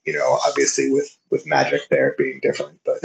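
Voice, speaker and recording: Deep-voiced man in an echoey room. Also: very animated, normal speed, creaky, crowd noise. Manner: hesitant, searching for words. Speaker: podcast panelist. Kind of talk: casual book discussion.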